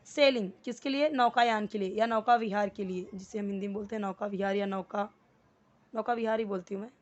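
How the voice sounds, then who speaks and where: A woman with an Indian accent teaching English step by step, patiently explaining each word and reading the English lines slowly. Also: medium pitch, fairly even intonation, highs cut off. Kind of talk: step-by-step language lesson.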